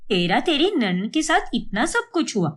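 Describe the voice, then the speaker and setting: A woman's voice: sits high, sing-song, normal speed, a bit bright, full character voice. A woman voicing a chatty, bossy older sister who pushes her opinions. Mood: pushy. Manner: chatty, pushy.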